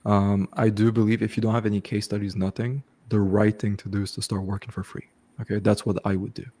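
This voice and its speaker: Hosting a casual live Q&A on online business coaching, a man with French as his first language speaks in a deep, warm voice, though his delivery is flat and fairly quick. He restarts often and leans on "okay" and "bro" as he hands out advice.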